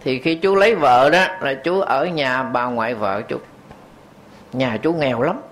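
A man's voice: mid-range voice, unhurried, a bit bright, slight background noise. A man, a Buddhist monk giving a dharma talk, telling a story and speaking directly to his listeners. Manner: storytelling, quoting others, addressing the audience.

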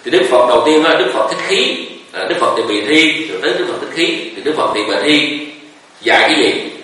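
A Buddhist monk gives a conversational dharma talk, telling stories and putting rhetorical questions to the audience. His fairly high voice is expressive, brisk and sharp, captured from far off in an echoey hall.

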